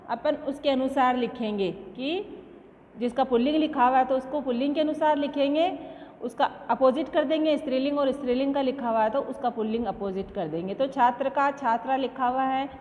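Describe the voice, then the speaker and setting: A woman teacher walks a class through an exercise, patiently posing each question and then supplying the answer. Her voice sits high. The recording is dull and lo-fi, with a long reverb trailing behind her. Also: darkish tone. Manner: patient, asks questions and answers them herself. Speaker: school teacher. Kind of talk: online class lesson.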